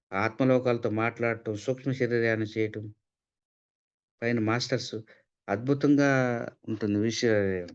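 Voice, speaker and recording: A man's voice: medium pitch, smooth. A man giving a spiritual talk, asking rhetorical questions and repeating points for emphasis. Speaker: spiritual speaker. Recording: slightly dull lo-fi sound.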